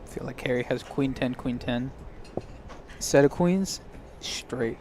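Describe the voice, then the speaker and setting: A man's voice: medium pitch, takes it slowly, darkish tone, a little hiss or hum. A man giving live poker commentary in a chatty way, thinking aloud as he reads the hands.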